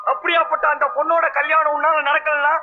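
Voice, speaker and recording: A desperate debt-chasing brother, bitter and pleading, very high voice, tinny old film sound with music. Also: male voice, completely flat delivery, fast. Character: desperate man chasing a debt for his sister's wedding. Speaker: film actor. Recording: tinny phone-like remastered film audio with music.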